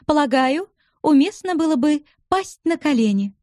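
A woman putting on a high teasing young widow. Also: expressive, normal speed, darkish tone, no echo, clean studio sound. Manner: coquettish, bantering.

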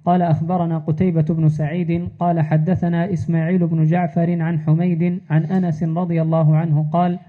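A man reading classical religious text aloud as a student, measured and formal, repeating the narration formula before each line. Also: a little high, level tone. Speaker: student reader. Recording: tinny phone-like sound.

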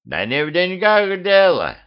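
A man voicing an old village cart driver who groans and grumbles in a drawn-out way, in a self-made audiobook. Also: sits high, wildly swooping pitch, clear, resonant tone, pitched above the performer's own voice, exaggerated voice. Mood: grumbling. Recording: dull lo-fi home recording.

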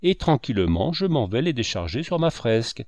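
A man's voice: mid-range voice, very animated, moderate pace, a little mellow, no echo, lightly acted. A man voicing a self-satisfied male painter who talks in enthusiastic lists. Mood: expansive. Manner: enthusiastic, listing.

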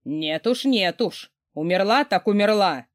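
Narrated by a woman, an overbearing wealthy giant of a man who barks orders and teases mercilessly. His lines bounce with lively pitch swings. The sound is dry and close. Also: a little slow, no echo, lightly acted. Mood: mocking. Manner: gruff, barking, mocking orders.

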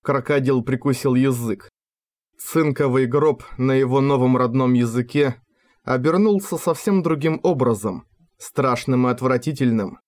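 A man reading a novel aloud in measured, even narration. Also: mid-range voice. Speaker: audiobook narrator. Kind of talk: scripted narration.

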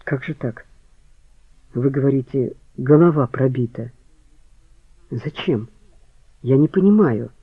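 A man's voice: mid-range voice, slow pace, pauses often, husky, dry recording. A man voicing a distraught young woman who pleads in a strained tone in an audiobook. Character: young woman, the tearful victim's close one. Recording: phone-like, dry.

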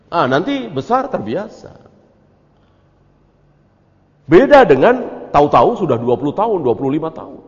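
A man teaching as an Islamic teacher in a religious study lecture, asking rhetorical questions and answering them himself. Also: fairly high pitch. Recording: echoey hall, dull lo-fi audio.

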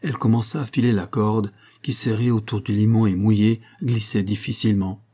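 A man narrating a novel chapter in measured, scripted storytelling. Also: lowish voice, fairly even intonation, warm tone. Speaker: audiobook narrator.

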